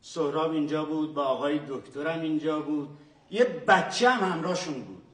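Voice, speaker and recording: A teasing, placating lawyer in a stage comedy. His voice sits high, and it carries from afar across an echoey stage. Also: animated, fairly bright tone. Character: joking, placating male lawyer cousin. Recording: distant echoey stage recording.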